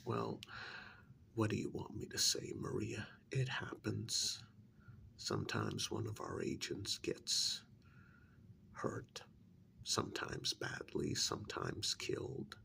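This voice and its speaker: Cold and matter-of-fact, this man voices a patronizing secret-agency boss for an ASMR role-play, speaking softly in a gravelly, breathy half-whisper broken by deliberate pauses. His voice sits on the low side, with wildly swooping pitch and an exaggerated delivery.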